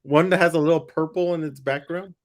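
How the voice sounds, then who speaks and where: A man's voice: a little high, fairly even intonation, brisk. A man co-hosting a casual chat about a TV premiere, easygoing and teasing. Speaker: watch party co-host. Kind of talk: casual pop-culture chat.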